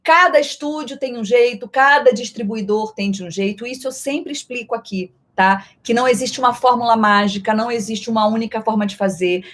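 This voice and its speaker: A middle-aged Brazilian woman, a voice actress, answering viewer questions in a playful live-stream chat that often shifts in loudness and speed. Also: fairly high pitch. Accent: Brazilian Portuguese.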